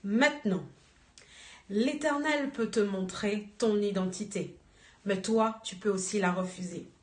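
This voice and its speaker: Brief: slow, earnest woman exhorting a church group, echoey room. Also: mid-range voice. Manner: slow, earnest, searching for words. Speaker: church member giving an exhortation.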